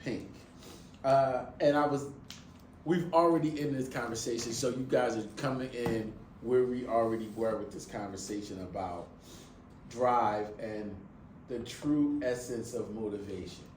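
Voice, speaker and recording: Animated man telling a story in an echoey room. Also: mid-range voice, unhurried, recorded from a distance. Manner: animated storytelling, voice rising and falling with excitement. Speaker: book club host. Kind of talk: casual chat. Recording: echoey room with faint background noise.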